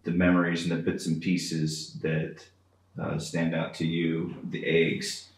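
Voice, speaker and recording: Very low, gravelly male host. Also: completely flat delivery, measured pace. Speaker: podcast host and interviewer. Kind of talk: casual interview chat. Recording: roomy computer-speaker recording.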